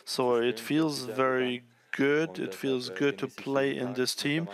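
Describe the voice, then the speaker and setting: Man, live press conference interpreter, halting restarts, flat slow delivery, press room crowd noise. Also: mid-range voice.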